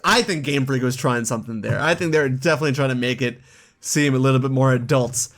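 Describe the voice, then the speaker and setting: A man chatting casually in his own commentary video, quick asides and laughing at his own jokes. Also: medium pitch. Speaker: YouTube gaming commentator.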